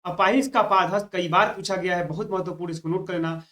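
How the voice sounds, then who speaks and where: Fast and forceful, this male Hindi tutor runs an online exam-prep class, his high-pitched voice bright and steady in tone. Key words come up again and again, with reminders for students to note them.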